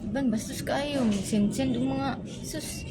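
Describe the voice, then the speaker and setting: A chatty woman vlogger with a Visayan Filipino accent talks straight to her viewers in a slightly high voice. She teases and scolds commenters in a loose, casual way. Clear background noise runs under her voice. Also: unhurried. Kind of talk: casual live chat with viewers.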